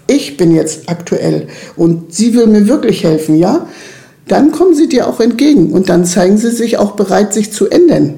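This middle-aged woman, who leads a children's club, has a mid-range, warm voice with some vocal fry. In an interview conversation she talks earnestly and with emphasis, frequently checking in with "ne?".

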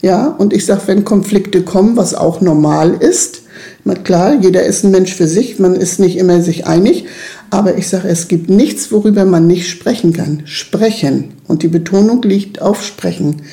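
A middle-aged woman with a gravelly, mellow voice speaks in an earnest, emphatic way. She is being interviewed about her work with children and keeps checking that her listener agrees. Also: lowish voice, normal speed. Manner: earnest, emphatic, often asks "ne?". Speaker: children's club leader. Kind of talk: interview conversation.

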